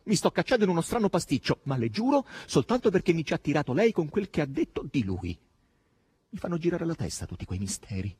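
Male reader doing a desperate young woman, high, emotional, husky, dry close mic. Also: sing-song, quick pace, a little mellow, dry recording, exaggerated voice. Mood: bitter. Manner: raised, urgent and emotional. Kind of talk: audiobook reading.

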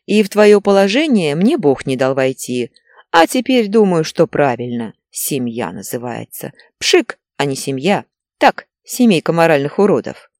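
A woman's voice: deep voice, normal speed, no echo, clean studio sound. A woman doing a caustic older aunt. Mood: scornful. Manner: calm, sarcastic, scornful.

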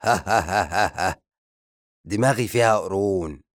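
Man voicing a cheeky joking jinn with an Egyptian accent, deep low voice, dry. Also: steady tone, normal speed, no echo, close to an everyday voice. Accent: Egyptian Arabic. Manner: playful, joking. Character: silly, cheeky male jinn who jokes.

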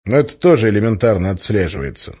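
A man's voice: lowish voice, big pitch swings, fast, dark tone, slightly rough. A man playing a weary, fed-up magician. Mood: curt. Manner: curt, grumbling, flaring into outbursts. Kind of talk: audiobook character voice. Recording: slightly muffled lo-fi recording.

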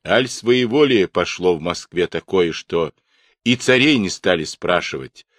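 A man's voice: low-pitched, lively intonation, measured pace, a bit bright, no room sound, clean studio sound, full character voice. A man doing a furious Cossack chieftain. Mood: indignant.

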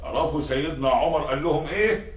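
An actor with an Egyptian accent playing a sheikh preaching to children in a radio drama, in a didactic, storytelling way. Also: male voice, fairly high pitch, quick pace, reverberant, distant mic, close to an everyday voice. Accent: Egyptian Arabic.

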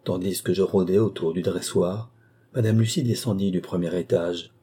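A man reading a literary novel aloud as an audiobook narrator, in a measured, even storytelling manner. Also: low voice, slightly rough.

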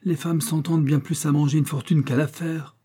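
A blunt, worldly older uncle scoffs gruffly, as a man reads him. His voice is dark and husky, short and dismissive in manner. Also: a little high, flat delivery, fairly quick, pitched above the performer's own voice. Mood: scornful.

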